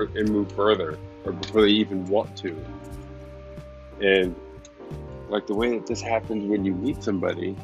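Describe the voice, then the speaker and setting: Guy rambling casually on his podcast, lots of fry, muffled lo-fi audio, conversational. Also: on the low side. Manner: conversational, checks in with "right?". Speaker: podcast host and business coach. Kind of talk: casual off-the-cuff monologue. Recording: dull lo-fi sound, faint music behind.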